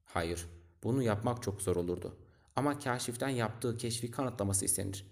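A man's voice: mid-range voice, moderate pace, darkish tone, lightly acted. A man reading aloud, voicing a bookish, self-important old male geographer from a storybook who lectures. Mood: lecturing.

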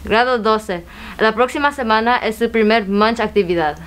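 A woman's voice: on the high side, moderate pace, fairly bright tone. A teenage girl anchoring a school news show in an upbeat, scripted read. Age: teens.

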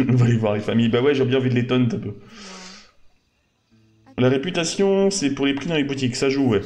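A man's voice: mid-range voice, fast, darkish tone, soft background music. A man in his thirties giving casual let's play commentary, thinking aloud and muttering to himself.

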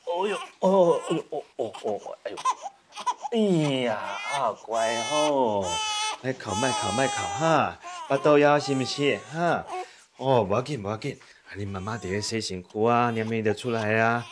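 A man's voice: mid-range voice, animated, moderate pace, heavy background noise, close to an everyday voice. An actor playing an earnest, awkward young father who coaxes and lectures his baby in a mock-stern way. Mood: coaxing. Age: young adult. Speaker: new father. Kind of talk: TV drama acting.

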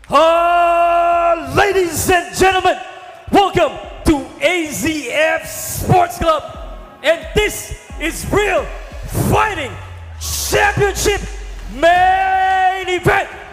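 A man working as a ring announcer, hyping fights with drawn-out boxing-style introductions over a PA. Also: very high-pitched, fairly bright tone, raised voice. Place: indoor sports club fight cage. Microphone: handheld microphone over PA. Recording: echoey arena PA, music behind.

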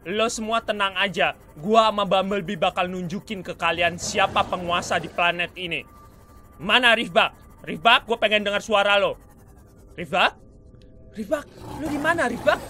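Brief: excitable gaming commentator, male, cocky and loud-mouthed, very bright tone, faint noise behind. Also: sits high, moderate pace. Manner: excitable trash-talking, mixing in English swears. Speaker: gaming YouTuber. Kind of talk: let's play commentary.

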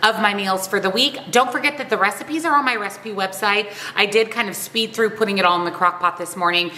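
A woman in her thirties chatting brightly through a cooking walkthrough in her home kitchen. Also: medium pitch, fairly quick. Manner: upbeat, chatty. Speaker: food vlogger.

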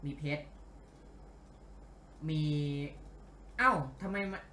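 A man giving casual let's-play commentary, animated and grumbling and cursing at the game as he plays. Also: very slow, echoey room, a little hiss or hum. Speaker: game streamer.

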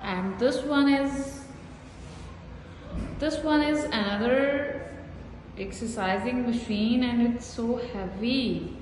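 Filming a casual tour of a small indoor building gym, a woman vlogger speaks unhurriedly, repeating herself as she points things out in simple terms. She holds a phone mic in a boomy, echoey room with a long hall-reverb tail, and the darkish sound carries a little hiss or hum.

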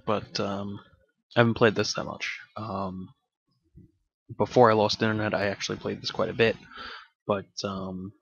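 Low-voiced casual gaming host. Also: male voice, little pitch movement, moderate pace, gravelly, pauses often. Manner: rambling, offhand, swears casually. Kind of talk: casual gameplay commentary. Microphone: desk microphone with game audio bleeding in. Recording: dull, dry home recording.

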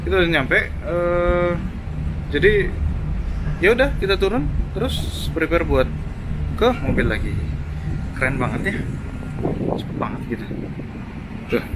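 Guy vlogging on a ferry, kinda high voice, lots of eh, loud wind n engines behind. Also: lively intonation, measured pace, pauses often. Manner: chatty, explains tips with filler "eh". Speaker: motovlogger. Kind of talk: casual travel vlog commentary. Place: outdoors at port and on ferry deck. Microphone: helmet or selfie action camera.

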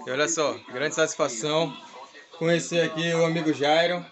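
A man's voice: fairly high pitch, fairly even intonation, moderate pace, fairly bright tone. A man in his thirties with a Northeastern Brazilian accent, chatting casually as a motovlog host. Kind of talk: casual vlog chat.

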